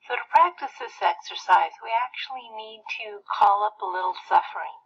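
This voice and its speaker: A woman guides a meditation in a soft, breathy voice that often thins toward a whisper, with some creak in it. She leaves gentle pauses between phrases. The recording is muffled and lo-fi. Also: medium pitch. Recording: muffled lo-fi playback.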